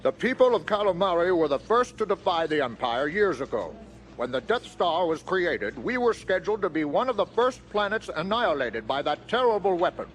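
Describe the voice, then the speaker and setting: An actor playing a grave alien admiral in an audio drama, speaking formally in solemn declarations. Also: male voice, high voice, very animated, a little fast, slight background noise, rough recording. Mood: sorrowful. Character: grave alien admiral defending his doomed people. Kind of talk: audio drama acting over orchestral score.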